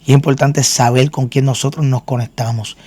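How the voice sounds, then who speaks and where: A man's voice: medium pitch, steady tone, fairly quick, a little mellow. A man, a minister, telling his own story in a faith interview, earnest and often repeating words as he restarts. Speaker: guest minister and singer.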